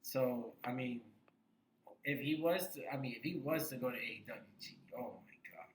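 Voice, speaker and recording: A man's voice: medium pitch, moderate pace, slight background noise. A man co-hosting a casual wrestling podcast, talking with energy and repeating his points for emphasis. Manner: animated, repeats himself for emphasis. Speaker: podcast co-host. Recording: echoey room.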